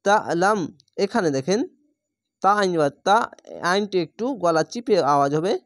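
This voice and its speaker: A man's voice: high-pitched, lively intonation, moderate pace, a bit bright, no echo, studio quality. A man teaching Quran reading, spelling out each letter and vowel mark one syllable at a time before reading the whole word.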